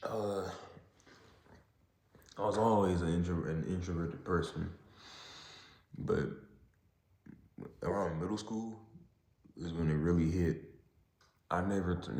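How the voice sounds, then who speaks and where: A young man talking casually and haltingly on his own as a podcast host, recorded in a parking garage. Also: low-pitched, darkish tone. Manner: halting, repeats and rephrases himself. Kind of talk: casual solo monologue. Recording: echoey garage.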